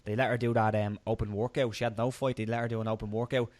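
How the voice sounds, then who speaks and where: Fast Irish male co-host, keen analyst, dry close recording. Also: fairly low pitch, flat delivery, darkish tone, dry recording. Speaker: podcast co-host. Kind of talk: casual podcast chat.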